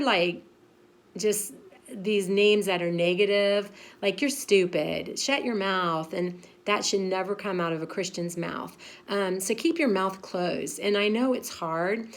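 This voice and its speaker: A woman's voice: medium pitch, a little slow. A woman in her fifties, a pastor's wife, giving a frank, chatty devotional talk with lots of fillers and laughing at herself. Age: 50s.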